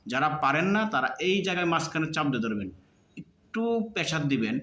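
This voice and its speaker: A man teaching pronunciation in a slow lesson. He repeats each sound in drawn-out drills to show how it should be said. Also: fairly high pitch, lively intonation, bright, forceful tone. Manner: demonstrates sounds by drawn-out repetition. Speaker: teacher of Arabic letter pronunciation. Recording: echoey room.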